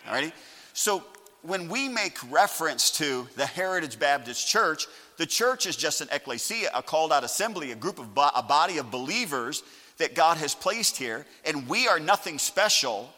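A man's voice: a little high, sharp tone, in a large hall. A man preaching a sermon to his congregation in a folksy way, often checking in with the listeners. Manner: folksy, repeatedly asks the congregation "all righty?". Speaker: pastor. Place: church sanctuary.

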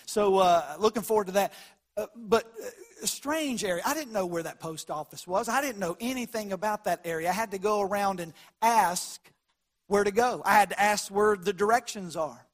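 Southern guy pastor, pretty high voice, folksy drawl, tells stories like a country sermon. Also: normal speed. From American South. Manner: folksy drawl, down-home grammar, acts out dialogue. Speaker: pastor preaching.

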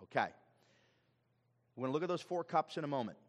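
Emphatic pastor preaching in a reverberant hall. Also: male voice, fairly high pitch, animated, fast talker. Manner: emphatic, questioning the congregation. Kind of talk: sermon. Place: church sanctuary.

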